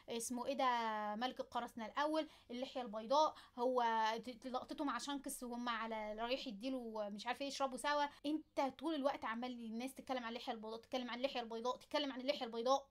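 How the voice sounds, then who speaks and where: Excited anime fan host, woman, Egyptian accent; high voice, very rapid chatty delivery. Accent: Egyptian Arabic. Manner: chatty, playful, addresses viewer directly. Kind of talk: casual anime commentary to camera.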